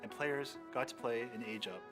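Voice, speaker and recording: A man narrates a celebratory look back in a measured documentary style. His pitch is mid-range. Loud music plays behind him.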